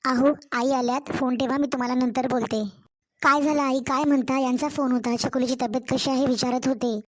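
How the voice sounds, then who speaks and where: Cartoon: woman as a pleading young wife and mother, Marathwada Marathi accent, high and level voice. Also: fairly even intonation, brisk, close to an everyday voice. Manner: complaining, tearful pleading. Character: young mother, distressed, pleading daughter-in-law. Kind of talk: cartoon story voice acting.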